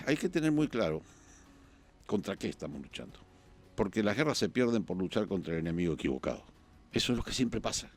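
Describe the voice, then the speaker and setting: A Peruvian man with a voice on the low side appears as a journalist guest in a political talk-show discussion. He speaks in a measured way, thinking aloud with pauses and fillers.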